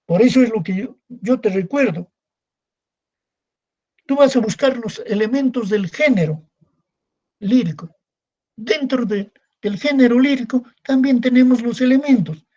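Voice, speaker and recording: In a recorded online lecture, a male secondary school teacher repeats himself and poses rhetorical questions he then answers. His voice is extremely high-pitched yet dark, measured in pace with long pauses. The recording is muffled.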